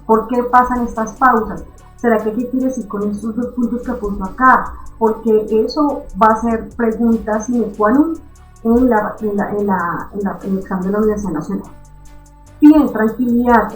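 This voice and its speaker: A woman teaching an online reading lesson in a lively, encouraging way, often checking in with her students. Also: on the high side, reverberant, low-quality recording. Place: recorded for an online class.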